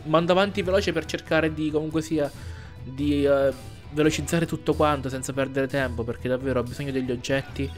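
A man's voice: fairly high pitch, steady tone, brisk, faint music behind. A man hosting a let's play, commentating his gameplay and talking to himself, pleading with the game and cheering as he plays. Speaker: gaming channel host.

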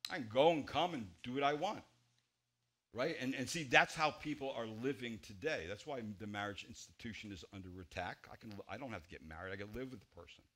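Pastor, male, 40s, preaching from a church pulpit, bright forceful voice, big emphatic swings. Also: a little fast. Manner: emphatic, gesturing widely, swings between loud stresses and quiet low drops. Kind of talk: expository sermon.

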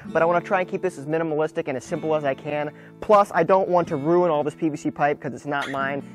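A young American man with a fairly high voice presents a casual vlog to camera, speaking emphatically while he demonstrates a build. He is a video creator filming outdoors beside a wooden barn and gravel drive, and there's no room sound on the recording.

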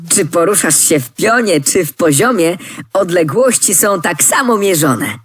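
A woman calling through a megaphone, husky. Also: on the low side, animated, measured pace, dry recording, studio quality. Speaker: voice in an educational app riddle.

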